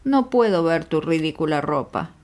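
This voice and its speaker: Una mujer que lee en audiolibro a un detective ciego, caballero sereno y de trato amable y algo burlón. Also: female voice, deep voice, lively intonation, normal speed, darkish tone. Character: blind gentleman detective, calm and dry.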